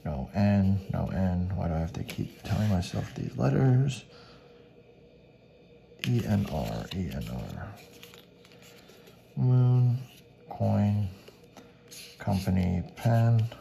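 A man's voice: lowish voice, lively intonation, slow pace, creaky, long pauses, mellow, a little hiss or hum. A man giving casual running commentary as he works, muttering to himself in short fragments and spelled-out letters. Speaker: host of a scratch ticket video.

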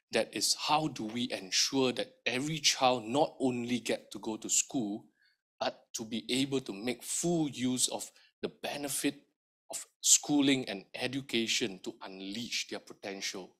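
A man with a hoarse, recovering voice giving formal opening remarks at an event, measured with frequent ums. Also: medium pitch, pushed and bright. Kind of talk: formal speech at a public event.

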